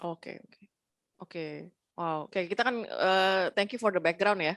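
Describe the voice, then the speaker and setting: A woman's voice: lowish voice, takes it slowly, a bit bright, dry recording. A woman hosting a casual interview, affirming her guest and mixing English phrases into her questions. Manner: friendly, affirming, fillers, mixes English phrases. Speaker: podcast host.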